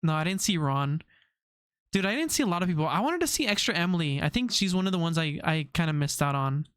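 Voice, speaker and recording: A man's voice: a little high, animated, fast, fairly bright tone, smooth, no room sound, studio quality. A young man streaming, chatting casually with his viewers, rambling off on tangents and laughing often.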